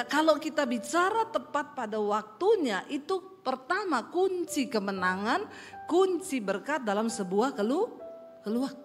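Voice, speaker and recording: A middle-aged woman pastor with a Sulawesi accent, preaching a lively, joking sermon to a congregation. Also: high-pitched. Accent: Sulawesi Indonesian. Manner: animated, joking, teasing the congregation. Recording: reverberant hall with faint music.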